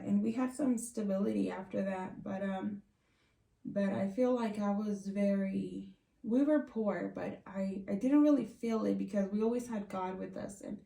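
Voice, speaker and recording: A woman's voice: mid-range voice, vocal fry, warm tone. A woman from Mexico, telling her own story in an earnest, reflective vlog. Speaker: vlogger. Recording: roomy, distant from the mic.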